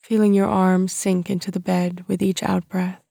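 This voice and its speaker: A woman with a soft voice narrating a guided body-scan meditation in a calm, soothing, unhurried way, leaving long pauses between phrases. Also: fairly low pitch, creaky, dry recording, studio quality.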